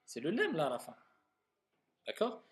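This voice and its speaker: A man leads a reading lesson in a classroom, his voice sitting a little high for a man. He is patient, and he draws out each word slowly and clearly so his students can hear their mistakes. When explaining a rule, he speeds up. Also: wildly swooping pitch. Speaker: Arabic reading teacher.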